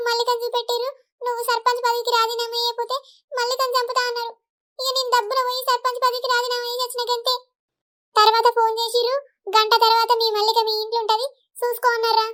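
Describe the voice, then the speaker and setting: A woman's voice: extremely high pitch, monotone, fast talker, fairly bright tone. A woman voicing an anxious middle-aged village mother-in-law in a cartoon, fussing and fretting in a Telangana Telugu accent. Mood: worried. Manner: fretful, fussing.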